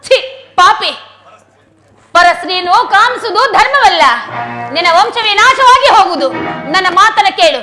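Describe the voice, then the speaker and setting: A woman playing an outraged, virtuous wife in a village stage drama, rebuking a villain in a high, bright, declaiming voice. Faint music plays under her lines. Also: animated, moderate pace, long pauses, full character voice. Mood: scornful. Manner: scolding, declamatory stage delivery. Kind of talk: Kannada folk stage drama.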